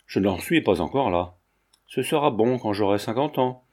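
A man's voice: lowish voice, animated, normal speed, darkish tone, breathy edge. A man reading a novel aloud, voicing a carefree, whimsical young Parisian man who speaks earnestly.

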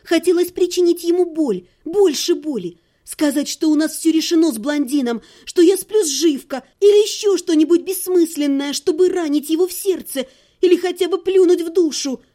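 A woman with a high voice reads a first-person audiobook. Her narration is even and expressive, in a storytelling style. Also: moderate pace.

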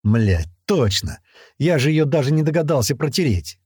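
A man reads a first-person action story aloud, his husky voice ranging widely in pitch. He jumps up loud and high for the characters' shouts and drops back low for the narration. The recording is close and dry, with no room sound. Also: very animated, moderate pace, no room sound. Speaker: audiobook narrator. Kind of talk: first-person audiobook narration with acted dialogue.

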